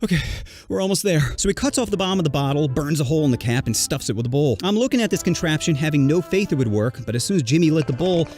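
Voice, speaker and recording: Lively young man telling a crude comedy story. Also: on the high side, rapid-fire, few pauses, soft background music. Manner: animated, crude, punchy delivery. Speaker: storyteller for animated comedy videos.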